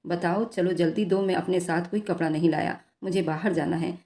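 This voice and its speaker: A woman's voice: fairly low pitch, steady tone, brisk, close to an everyday voice. A woman voicing a young husband who teases his wife and snaps when crossed. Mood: teasing. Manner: playful coaxing, sharp when angry. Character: young husband, teasing and hot-tempered.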